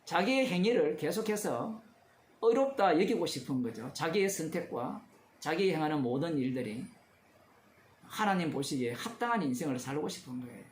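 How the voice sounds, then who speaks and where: A man's voice: a little high, animated, moderate pace, echoey room, a little hiss or hum. A male pastor giving a conversational expository sermon, asking his congregation questions as he explains the text. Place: church.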